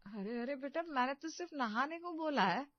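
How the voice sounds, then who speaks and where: A woman's voice: high-pitched, lively intonation, normal speed, lo-fi sound, voice pushed up. A woman voicing a weary middle-aged mother-in-law who scolds, then placates. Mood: placating.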